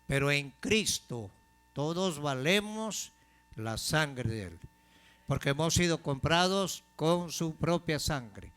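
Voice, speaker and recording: A man preaches to his congregation in a fairly high voice. He pauses on questions for them to answer and slows down to stress the key words. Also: fairly bright tone, clear, resonant tone. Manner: call-and-response questions to the congregation; emphatic preaching, slowing for key phrases. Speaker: pastor. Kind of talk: sermon.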